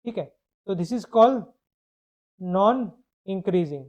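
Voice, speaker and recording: A man's voice: high voice, lively intonation, extremely slow, darkish tone. A man teaching a live online math lecture. He explains step by step, asks questions and answers them himself, and mixes English phrases into his explanation.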